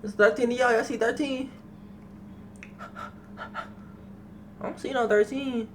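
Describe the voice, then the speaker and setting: A man's voice: very high-pitched, steady tone, slow, a bit bright, a little hiss or hum. A young man hosting a reaction video, talking casually with profanity and repeating himself.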